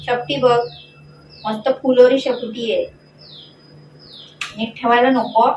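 A woman's voice: a little high, steady tone, slow pace, darkish tone, slight background noise. A young woman talking casually to her pet dogs at home, coaxing and fondly scolding them with short repeated commands. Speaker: pet vlogger. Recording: roomy echo, mic at a distance.

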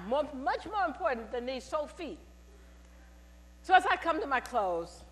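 At the pulpit of a large sanctuary, an older woman dressed in a purple robe shares her testimony in a high voice. She spins animated stories and calls out for the congregation's response; the headset-mic recording has long church reverb and a mains hum.

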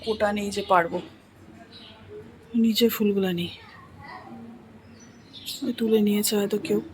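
A woman from India chatting softly through a casual daily home vlog, rambling with little fillers. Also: mid-range voice, fairly even intonation, moderate pace, background noise. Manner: talking softly so her son can sleep. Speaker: home vlogger.

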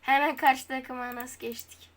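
High, bright excitable woman gamer. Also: measured pace, a little hiss or hum. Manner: excitable, bursts into high frustrated yelps; talks straight to viewers, colloquial. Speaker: gaming video host. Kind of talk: casual gameplay commentary.

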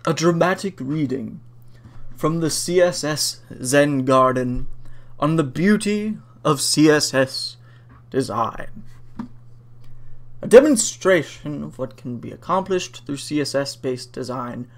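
Slow, hammy theatrical reader. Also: medium pitch, expressive. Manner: hammy stage-actor delivery, theatrical and solemn. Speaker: dramatic reader of a web page. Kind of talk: hammy dramatic reading.

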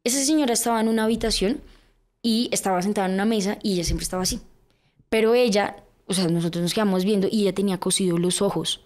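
Podcast guest: a young Colombian woman, a middle-pitched voice, chatty storyteller who acts out the people she quotes. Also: fast. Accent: Colombian Spanish. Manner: lively narration full of fillers, with acted-out quotes. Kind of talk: personal storytelling in a podcast interview.

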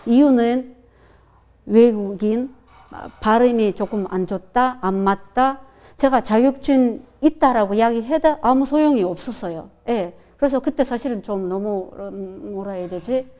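A woman from Kyrgyzstan with a Kyrgyz accent in her Korean, giving halting interview answers through a face mask. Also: on the high side, warm tone. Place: indoor cafe.

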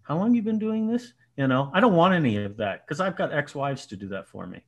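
This time the nasal-voiced Colorado man in his sixties sounds fairly high, fairly quick and lively in intonation, through a muffled recording. A podcast guest and business owner, he laughs often while telling self-mocking stories in a casual headset video call from home.

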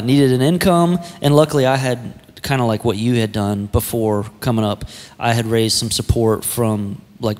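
A man in his thirties, an executive pastor, telling his story in a relaxed, chatty way on a church stage with a handheld mic. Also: medium pitch. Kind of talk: casual church interview. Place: church stage set with armchairs. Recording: long reverb of a large hall.

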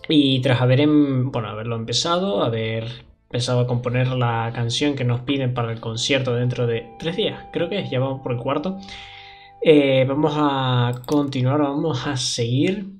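A man's voice: medium pitch, normal speed, soft background music. A man, doing casual, rambling let's play commentary as a gaming youtuber.

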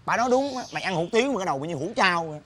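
A man playing a cheeky boy who mocks and eggs on his friend, talking in an animated, lively way. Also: sits high, very fast, slight background noise. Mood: egging on. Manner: animated and mocking. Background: music.

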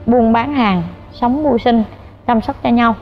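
A woman, a guest telling her story in a casual interview, chatty and animated. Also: fairly high pitch, a little slow. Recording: dull, lo-fi with faint music.

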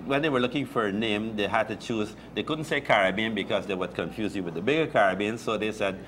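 An older man talks in a low voice, stopping and restarting his phrases with plenty of fillers. He speaks on a lapel mic in a small indoor room with a faint hum behind him. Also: fairly bright tone. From Guyana. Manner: halting, many restarts and fillers. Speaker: deacon guest. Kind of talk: casual chat.

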